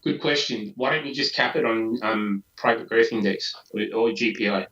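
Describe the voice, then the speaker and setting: An Australian man chatting as a guest in a casual debate, his voice bright and forceful. He sounds roomy and far from the mic, on dull, lo-fi audio from a remote call. His asides come dry and sarcastic. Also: on the low side, moderate pace.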